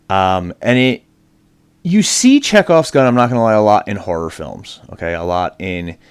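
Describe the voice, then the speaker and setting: Low-voiced man giving a casual lecture. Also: no room sound. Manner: casual, chatty, with many fillers and restarts. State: out of breath. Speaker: teacher. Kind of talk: recorded online lecture. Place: at home.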